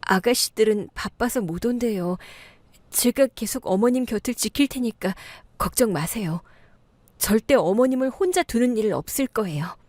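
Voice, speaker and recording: A woman's voice: on the high side, lively intonation, normal speed, a little mellow, no room sound. A woman voicing a patient daughter-in-law heroine who speaks earnestly and pleads her case in a storybook radio tale.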